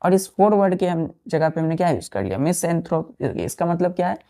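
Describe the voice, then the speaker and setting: A woman's voice: lowish voice, big pitch swings, a little fast, mellow. A woman teaching an English vocabulary lesson to students, spelling out words letter by letter and often checking that they follow. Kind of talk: slow classroom vocabulary lesson.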